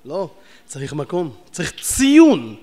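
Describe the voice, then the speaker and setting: A man preaching a sermon, animated and firing rhetorical questions at his audience. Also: a little high. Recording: long hall reverb.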